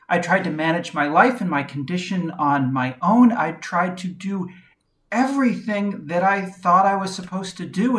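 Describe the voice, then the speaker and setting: Reflective personal narration, woman, quiet measured delivery, candid tone, frequent pauses. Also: on the low side. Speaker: video essayist.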